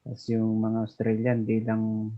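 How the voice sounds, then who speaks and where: A man from the Philippines, a guest overseas worker, chatting casually in an unhurried, easygoing way over a remote call. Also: lowish voice, monotone. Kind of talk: casual chat. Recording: dull lo-fi call audio.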